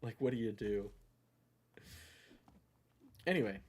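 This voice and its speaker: A man's voice: lowish voice, expressive, slow, slightly rough. A middle-aged man livestreaming a game, rambling through a casual story and often asking "right?" and "you know?" into a headset mic. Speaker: gaming livestreamer. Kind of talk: casual storytelling while playing a game live.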